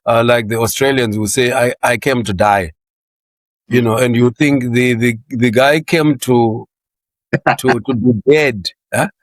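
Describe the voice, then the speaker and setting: A man from Zimbabwe in his sixties, talking about his career in a relaxed interview, laughing often and repeating words as he gets going. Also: medium pitch, measured pace, dry recording. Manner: chatty, laughs often, repeats words when starting sentences. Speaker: interview guest.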